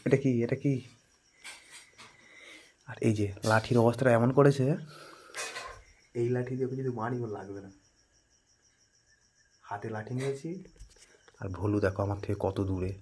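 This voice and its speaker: A man with a Bengali accent narrating a casual home vlog, chatty, at times dropping to a hushed murmur and at times calling out loudly to his dog. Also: medium pitch, fairly even intonation, normal speed, long pauses, a little hiss or hum. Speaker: vlogger. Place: home, indoors.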